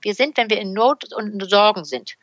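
A middle-aged woman, a sex therapist, chatting on a podcast as a lively storyteller who acts out the people she quotes. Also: medium pitch, normal speed, no echo, muffled recording. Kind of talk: casual podcast chat.

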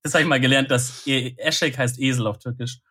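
A man's voice: mid-range voice, fairly even intonation, fairly quick, bright, forceful tone, husky. A man co-hosting a casual podcast, talking in a slangy, joking way and addressing listeners directly. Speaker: podcast co-host.

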